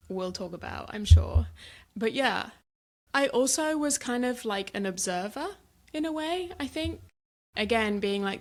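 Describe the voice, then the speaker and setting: A woman in her thirties from the south of England, with a southern English accent, chatting as a guest in a casual interview, self-deprecating and quick to laugh. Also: medium pitch. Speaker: guest, supper club founder.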